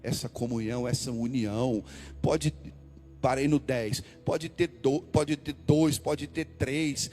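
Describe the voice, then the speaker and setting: A man preaching a sermon as pastor, repeating key words and swinging from loud calls to hushed asides. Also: medium pitch, fairly even intonation, takes it slowly. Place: church hall. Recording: long hall reverb, faint music.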